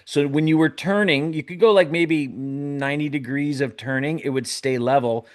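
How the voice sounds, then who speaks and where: A man's voice: a little high, fairly even intonation, normal speed. Man telling a funny anecdote. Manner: laughing anecdote teller. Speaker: co-host. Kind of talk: casual chat.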